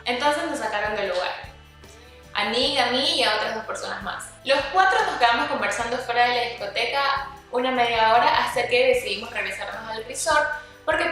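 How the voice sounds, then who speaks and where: A young woman from Ecuador telling a casual storytime vlog, lively, sometimes acting out quoted dialogue. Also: fairly high pitch, distant mic. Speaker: vlogger. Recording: echoey room, voice a bit off-mic, faint music.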